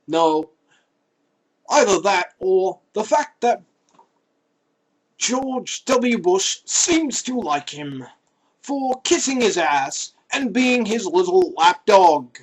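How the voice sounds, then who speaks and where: Slow-paced, sarcastic parody news anchor. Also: mid-range voice, sing-song, husky, rough recording. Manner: sarcastic, mock-serious, foul-mouthed.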